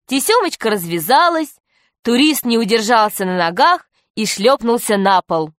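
A woman narrating a children's story for an audiobook, telling it in a steady, clear way. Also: a little high, moderate pace, dry recording, studio quality.

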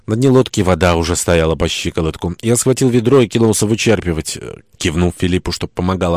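A man narrating a first-person audiobook in a wry, expressive storytelling manner. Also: sits low, dry recording, studio quality.

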